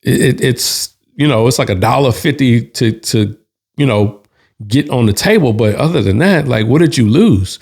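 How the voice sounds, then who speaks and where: Male host, easygoing spoken story, loose slangy delivery with asides, average pitch. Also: normal speed. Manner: relaxed, slangy, with restarts and asides. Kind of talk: casual storytelling.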